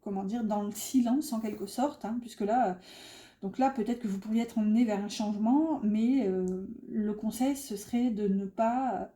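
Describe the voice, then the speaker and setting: A woman's voice: medium pitch, normal speed, warm tone, reverberant. A woman from northern France with a northern French accent, giving a rambling, hesitant tarot card reading. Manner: rambling and hesitant, many fillers. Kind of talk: casual spoken card reading.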